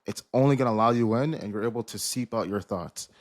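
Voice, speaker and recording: A man's voice: lowish voice, fast talker. A man hosting a podcast, asking loose, rambling questions in a casual tone. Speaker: podcast host.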